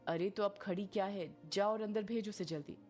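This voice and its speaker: A cowardly, blustering village man, put on by a woman narrator, lurching between trembling whispers and harsh barked commands. The tone stays darkish and mellow. Soft music sits faintly underneath the storytelling. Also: mid-range voice, normal speed, natural voice. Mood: bullying. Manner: fearful muttering, then bossy shouting. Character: panicky blustering village man, middle-aged.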